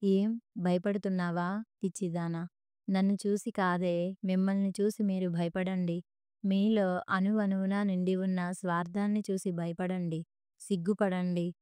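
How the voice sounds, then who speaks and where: A woman's voice: on the low side, level tone, unhurried, warm tone, clear, resonant tone, no room sound, natural voice. A woman voicing a reproachful grieving old mother. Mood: accusing. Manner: bitter, accusing. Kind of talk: storybook narration.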